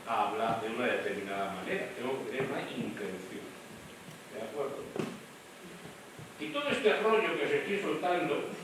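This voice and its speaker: Man lecturing in an echoey classroom. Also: medium pitch. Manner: lively, demonstrative, addresses the class directly. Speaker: voice teacher. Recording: echoey room, mic from far off, noisy.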